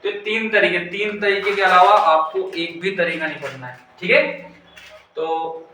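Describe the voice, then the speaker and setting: A man teaching physics in a high, bright voice, asking questions and answering them himself. He sounds far from the microphone in a very echoey room, with a faint hiss underneath. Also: fairly even intonation, moderate pace. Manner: asks questions and answers them himself, repeating key terms. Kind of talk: classroom-style explanation.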